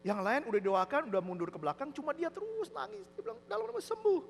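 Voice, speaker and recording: Animated high-voiced preacher in a hall. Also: male voice, fast, gravelly. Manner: animated storyteller, acting out the people in his stories, mixing in English phrases. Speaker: pastor. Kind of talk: sermon with told stories. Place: church hall. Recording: long hall reverb, faint mains hum.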